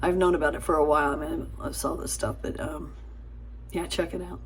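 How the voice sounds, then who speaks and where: A woman hosting her own small channel, talking earnestly to camera in a casual, halting way, tripping over her words with fillers and restarts. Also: low-pitched, steady tone, slight background noise. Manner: earnest, pleading.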